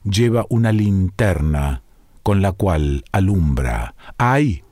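A man narrating a folk tale aloud in a measured, deliberate storytelling style. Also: sits low, sing-song, darkish tone, no echo, studio quality.

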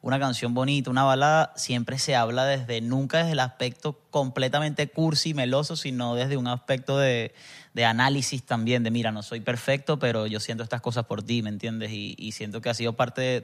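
A man's voice: mid-range voice, steady tone, brisk. A man, guest musician on a podcast, talking in a rambling, reflective way and often checking that he is understood. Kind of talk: casual podcast chat.

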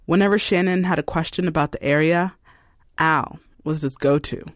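A man giving scripted, measured documentary-style narration of a true story. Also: on the high side, no echo, studio quality. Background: music.

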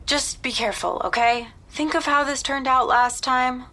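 Actress doing a gushy teasing sister, bright sharp voice, audio drama. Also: female voice, high voice, steady tone, normal speed. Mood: excited. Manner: gushing, teasing. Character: excitable American sister. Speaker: actor.

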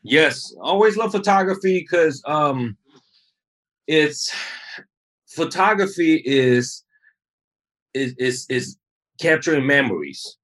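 A man who is a photographer, a guest in a casual interview, speaking in a relaxed, rambling way with many fillers. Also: on the high side, slow, pauses often.

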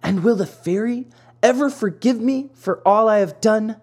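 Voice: medium pitch, moderate pace, a little mellow, slightly rough, pitched above the performer's own voice. A reader voicing Pinocchio, a remorseful runaway wooden puppet boy, in a storybook reading, pleading in a raised boyish voice.

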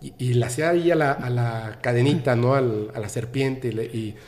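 Un hombre con acento mexicano cuenta una anécdota de forma animada e informal, imitando las voces de la gente que cita. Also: male voice, medium pitch, moderate pace. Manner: animated, acts out the people he quotes, laughs often. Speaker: podcast guest. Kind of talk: casual storytelling.

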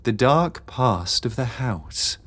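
A quiet, reproachful young woman who speaks low and soft, as a male narrator plays her. Her lines come slow in a dry, close audiobook reading. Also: expressive, no room sound. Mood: hurt. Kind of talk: audiobook character voice.

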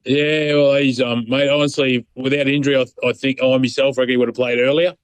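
A middle-aged Australian man, a proud sporting dad, chats as a guest on a casual phone-in interview. His medium-pitched voice is clear and resonant, level in tone and a little fast, with no room sound. He talks in a laid-back, rambling, colloquial way.

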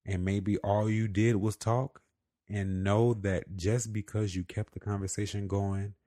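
A man's voice: fairly low pitch, little pitch movement, measured pace, warm tone, no room sound, clean studio sound. A man co-hosting a podcast, talking in an earnest, reflective way with casual fillers. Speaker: podcast co-host.

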